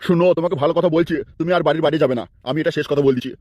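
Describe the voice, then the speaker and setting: A man's voice: fairly high pitch, steady tone, rapid-fire, darkish tone, dry recording, lo-fi sound, close to an everyday voice. A man voicing a stubborn, suspicious husband in a comic cartoon dub. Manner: nagging, suspicious.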